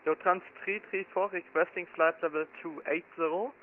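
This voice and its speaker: A man on air traffic control radio, a pilot making requests in halting phraseology with numbers read digit by digit. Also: sits high, fairly even intonation. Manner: halting, digits spoken singly. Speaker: pilot in online flight simulation. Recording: phone-like radio channel, faint music.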